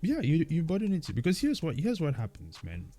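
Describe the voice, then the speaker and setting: A man co-hosts a relaxed talk show, his mellow voice rising and pushing as he makes a point. He keeps tagging his lines with "man" and "okay". Soft music plays faintly underneath. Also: fairly high pitch, brisk. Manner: animated, preachy, frequent "man" and "okay". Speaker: podcast co-host. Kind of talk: casual chat.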